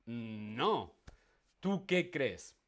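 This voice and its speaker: Slow, playful male teacher. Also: mid-range voice, big pitch swings, a bit bright. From Spain. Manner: asks the audience questions, playful; slow, careful pronunciation. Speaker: Spanish teacher streaming. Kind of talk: live-streamed language lesson.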